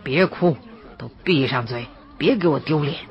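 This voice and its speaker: A man's voice: a little high, normal speed, lo-fi sound, pitched below the performer's own voice, lightly acted. A woman voicing a stubborn, proud village man facing death, speaking grimly and without yielding, in an audiobook reading. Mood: stern. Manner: grim, unbending.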